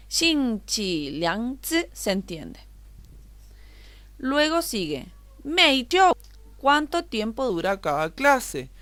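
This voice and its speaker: Very slow, patient woman teacher. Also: medium pitch, a bit bright. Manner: patient, repeats each word step by step. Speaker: Chinese language teacher. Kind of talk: recorded online class explanation.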